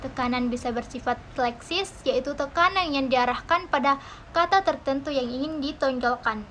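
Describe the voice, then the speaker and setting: A young woman from Indonesia with a high, bright voice reads through a classroom assignment in a careful, even, explanatory way. She sounds like a student presenting prepared notes. A faint hiss of noise runs beneath her voice. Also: normal speed, low-quality recording. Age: young adult. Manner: steady, careful reading with demonstrative stress examples. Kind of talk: read-aloud academic presentation.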